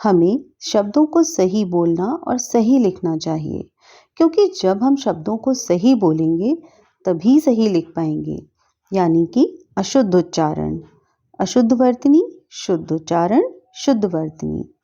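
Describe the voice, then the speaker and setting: A woman teaching a children's grammar lesson, pronouncing words slowly and deliberately. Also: mid-range voice, sing-song, dark tone. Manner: slow, deliberate word-by-word pronunciation. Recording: dull lo-fi recording.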